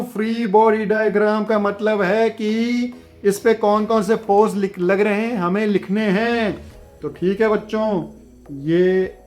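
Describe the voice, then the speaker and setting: High voiced guy doing a chatty online physics class, soft music behind. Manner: chatty, keeps asking "theek hai bachchon"; reads the question aloud slowly. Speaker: physics teacher.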